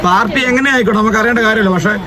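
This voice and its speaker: Fast excitable vlogger man mixing English. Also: high voice, crowd noise. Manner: excitable, repeats words in quick bursts. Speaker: family vlogger, host. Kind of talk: casual vlog chat to camera. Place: in and beside a parked car in rain. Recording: noisy outdoor and in-car phone recording. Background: vehicle and urban outdoor noise.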